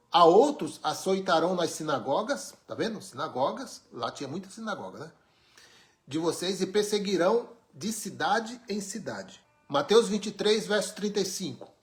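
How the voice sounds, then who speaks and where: A man from Brazil, preaching an informal sermon with emphatic, wry rhetorical questions. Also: high-pitched. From Brazil, born in Pernambuco, raised in São Paulo.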